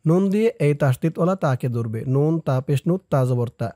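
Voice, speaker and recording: A man teaching Quran reading, chanting words slowly and explaining each letter rule in a lower voice. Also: expressive, warm tone, no room sound, studio quality. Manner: recites verses in a chanting tone, then explains spelling rules in a lower, quicker voice. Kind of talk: slow step-by-step recitation lesson.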